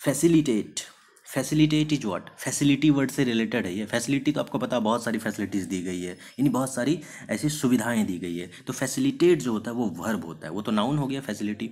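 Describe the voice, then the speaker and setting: A man teaching English vocabulary in Hindi, mixing in English words. He keeps asking rhetorical questions and answering them himself, and slows down to spell out and stress example sentences. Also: medium pitch, a little mellow, slightly rough. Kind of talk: classroom-style vocabulary lesson.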